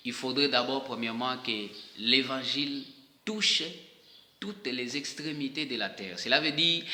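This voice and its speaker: A man from DR Congo with a Congolese French accent, preaching a sermon to online viewers. He speaks emphatically, repeats key phrases and pauses often. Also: medium pitch, bright, forceful tone. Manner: emphatic and repetitive, with hesitant pauses. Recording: echoey room with long reverb.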